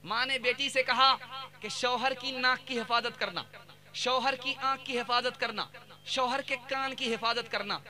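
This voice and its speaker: Male mufti, sermon storyteller, very high and bright, rhythmic repeating delivery. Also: steady tone, unhurried. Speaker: mufti giving a religious talk.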